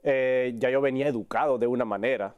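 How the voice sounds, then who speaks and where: Brisk and mid-range, with a clean tone but dull audio, this Cuban sports reporter talks with a Mexican accent as a guest in a relaxed interview. He is candid and his phrases come out short and broken.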